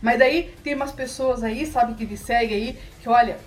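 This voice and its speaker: A woman's voice: on the high side, moderate pace. A woman vlogger telling a comic story, rambling and repetitive, stacking little filler tags between every phrase. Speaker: comedic vlogger.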